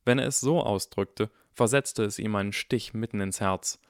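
A man reading a fantasy novel aloud as audiobook narrator, steady and expressive. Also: on the low side, moderate pace, no echo, studio quality. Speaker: audiobook reader. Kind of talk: scripted narration.

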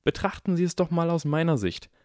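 A cold, calculating young boy , as a male reader puts him on, lays out his terms in a precise, icy tone. The voice sits a little above the reader's low register. The sound is dry and close to the mic. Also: lively intonation, brisk, a little mellow, dry recording, close to an everyday voice. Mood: cold demanding. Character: clever eleven-year-old boy, cold and calculating.

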